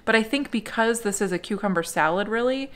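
A woman's voice: mid-range voice, expressive, a little fast. An American woman in her thirties giving a casual, conversational food review at home. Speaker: food and travel vlogger. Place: small living room at home, indoors on a couch.

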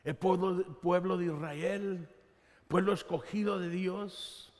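A male pastor delivering a sermon during a live church service, telling Bible stories in an animated way and acting out what the characters say. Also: sits high, slow pace. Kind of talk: Spanish-language sermon. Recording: long reverb of a church hall.

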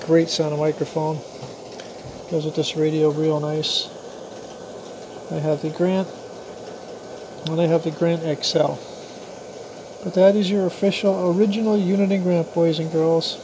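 In a small indoor room at his radio bench, an American radio hobbyist gives a casual, matter-of-fact product demo in short, plain-spoken phrases. His voice is fairly high and his pace measured, with long pauses. Captured on a handheld camera or phone mic, the recording is clear but carries a steady hiss and hum.

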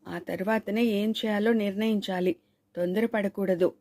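A woman's voice: mid-range voice, fairly even intonation, normal speed, mellow, lightly acted. Woman reading as a wary learned man. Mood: cautious. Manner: anxious, scolding. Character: cautious learned man, the teller, uneasy.

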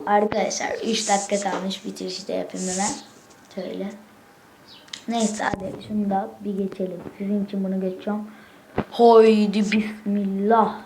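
Woman, gameplay commentary host; chatty, easily riled, talks at mid pitch, faint background hiss. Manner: excitable, chatty, swears, flares up in frustration. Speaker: gaming channel host. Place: home room, indoors.

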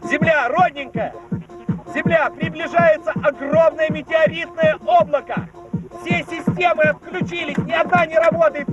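A desperate spaceship pilot, his voice pushed very high as he keeps calling base over a crackly space radio channel. The sound is dull and lo-fi, and music plays behind him. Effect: crackly space radio transmission. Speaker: cosmonaut in a comedy sketch. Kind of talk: TV comedy sketch acting.

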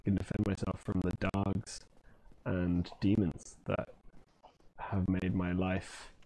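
On a comedy show, a man plays a video game as the lead character, chatting casually and laughing at his own blunders in a self-mocking way. His deep voice is flat, slow, and dark, and the recording quality is low.

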